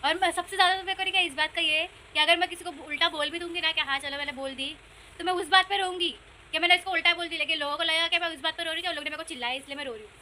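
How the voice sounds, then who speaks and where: A young woman chatting casually in a family vlog, animated and laughing as she tells stories about her sisters. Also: extremely high pitch, racing, a little hiss or hum. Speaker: vlogger, eldest sister.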